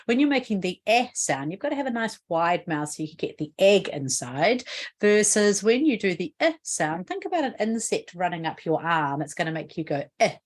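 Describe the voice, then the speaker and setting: A woman's voice: fairly low pitch, very animated, moderate pace. A woman with a New Zealand accent explaining a spelling rule in an instructional video lesson, patient and explanatory, often asking the viewer questions. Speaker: literacy educator.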